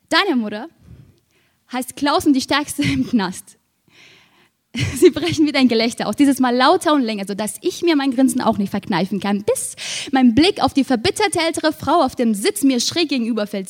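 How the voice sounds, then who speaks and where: Woman, slam poet, higher voice, rhythmic rhyming delivery, shifts from hushed to loud. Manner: rhythmic, rhyming delivery with sharp swings between soft and loud. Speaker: spoken word poet. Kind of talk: performed slam poetry.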